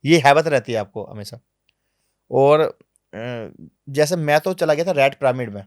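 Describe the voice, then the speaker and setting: A man being interviewed on a podcast, telling travel stories in a lively, animated way, sometimes dropping to low, quiet asides. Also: measured pace, no room sound, studio quality. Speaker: travel vlogger guest. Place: podcast studio.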